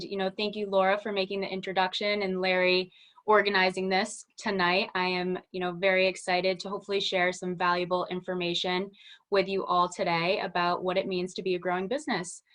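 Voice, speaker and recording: A woman from Western Massachusetts, a guest speaker specializing in small business, gives a webinar presentation over a video call. Her mid-range voice has a fairly bright tone, and she's chatty and upbeat, saying "you know" many times.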